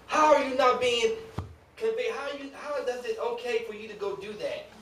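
Speaking at an extremely high pitch and moderate pace, a man preaches with emphasis from a church sanctuary. His fairly bright voice mixes humorous rhetorical questions with conversational asides to the congregation. He's miked from afar in an echoing room, with a little background noise.

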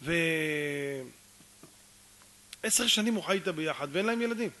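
Male rabbi preaching through a story, bright and sharp, lively delivery. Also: a little high. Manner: animated, addresses audience often, acts out dialogue. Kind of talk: storytelling sermon.

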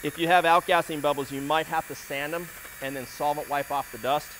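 Middle-aged man, slightly high voice, practical instructional demo, fillers and restarts, lapel mic in warehouse. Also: steady tone, fairly quick, a bit bright, slight background noise. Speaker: flooring demonstrator. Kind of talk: instructional demonstration. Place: large warehouse floor, indoors.

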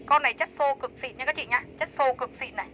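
Woman livestream seller, high bright voice, upbeat repetitive sales patter, faint background noise. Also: fast talker, low-quality recording. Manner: chatty, enthusiastic sales pitch, repeats prices. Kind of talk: fast live-sale patter.

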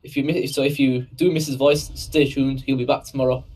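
Husky male game commentator. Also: medium pitch, little pitch movement, darkish tone, rough recording. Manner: upbeat, teasing, quick reactions. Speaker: esports co-commentator. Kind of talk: casual live game commentary.

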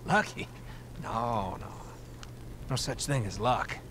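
An actor playing a measured, folksy survivor-group leader in a video game. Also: male voice, medium pitch. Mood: calm persuasive. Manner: measured, folksy, quietly menacing. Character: calm, persuasive adult male survivor-group leader. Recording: game audio with clear background noise.

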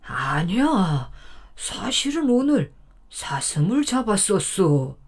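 Woman doing a gentle old grandfather. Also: medium pitch, big pitch swings. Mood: placating. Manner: slow, drawn-out old man's speech. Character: kind, gentle old grandfather, slow-spoken.

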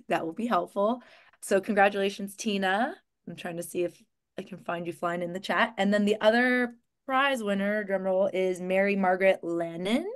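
A woman's voice: medium pitch, clean tone. A woman co-hosting a livestream, speaking casually to her community. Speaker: livestream co-host.

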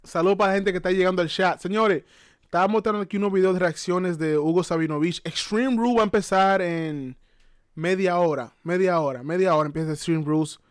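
A man reacting to clips on a live stream at home, excitable and laughing, repeating phrases over and over. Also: high-pitched, a little fast, clean tone, no echo, studio quality.

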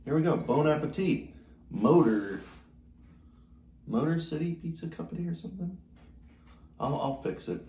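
A man's voice: fairly high pitch, moderate pace, long pauses, mellow, echoey room. A man eating with his mouth full, talking in a rambling, hesitant way as he reviews food. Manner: rambling, hesitant, thinks aloud. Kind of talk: casual food review vlog.

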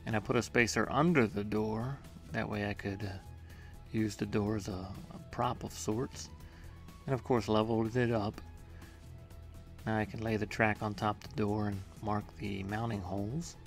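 A man's voice: lowish voice, steady tone, moderate pace, faint music behind. A man narrating his own workshop build in a casual voice-over, explaining each step in a plain, matter-of-fact way with small hesitations. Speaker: home workshop maker.

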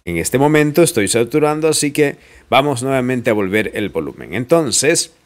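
A man teaching audio editing in a casual screen-recorded tutorial speaks in a mid-pitched, sing-song voice at normal speed. He's chatty, poses questions to listeners and laughs often, recorded on a close studio mic.

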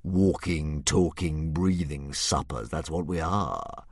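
A man voicing a huge, smug male dragon who talks like a philosopher, with slow, low, silky menace. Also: breathy edge, no echo, clean studio sound, full character voice. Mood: menacing.

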